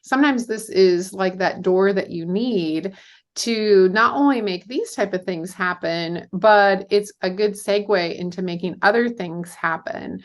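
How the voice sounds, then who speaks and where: A woman's voice: medium pitch, measured pace. A woman hosting a podcast interview, talking conversationally with lots of fillers. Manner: conversational, many fillers like "you know". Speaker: podcast host. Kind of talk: casual interview talk.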